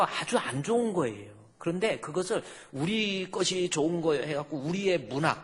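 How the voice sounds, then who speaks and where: Husky-voiced pastor preaching in an echoing hall. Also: male voice, a little high. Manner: emphatic preaching, acts out churchgoers' retorts. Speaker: senior pastor. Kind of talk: sermon. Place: church sanctuary. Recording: long echo in a church hall.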